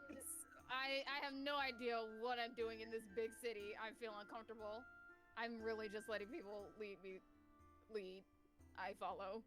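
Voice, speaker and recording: A woman playing a tabletop game who talks in a dry, deadpan way. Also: on the high side, normal speed, over music. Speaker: player. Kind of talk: casual tabletop play.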